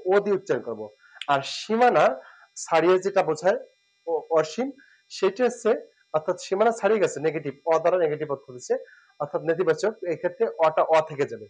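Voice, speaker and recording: A man giving a spoken lesson, explaining step by step and repeating words slowly and drawn out. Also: a little high, lively intonation, rough recording. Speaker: teacher.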